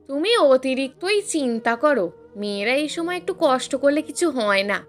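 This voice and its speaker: A woman's voice: sits high, moderate pace, fairly bright tone, soft background music, pitched above the performer's own voice. A woman voicing a harsh, scornful older mother who speaks sharply and dismissively to her son.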